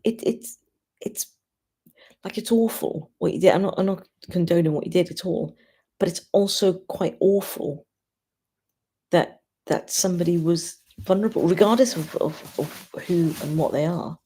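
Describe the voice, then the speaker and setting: A woman hosting a casual livestream, thinking aloud and giving opinions informally in a husky, gravelly voice. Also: lowish voice, moderate pace, mellow. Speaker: livestream host. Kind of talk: casual chat to live commenters.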